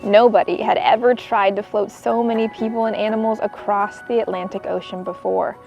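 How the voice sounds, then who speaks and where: A woman reading a children's book aloud in an expressive storytelling style, as a narrator for young listeners. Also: mid-range voice, normal speed, creaky, muffled recording, faint music behind.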